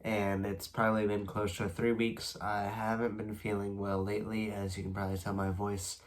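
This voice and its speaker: With a fairly low pitch and moderate pace, a young video host runs through baseball standings in a laid-back solo recap. His nose sounds congested and his voice a bit tired. Stats come at a steady clip, broken up by rambling asides.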